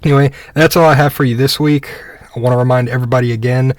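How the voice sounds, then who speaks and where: A man's voice: mid-range voice, fairly even intonation, fast talker, no echo. A young man, a police officer, casually telling a story and acting out the dialogue in a laid-back, conversational way.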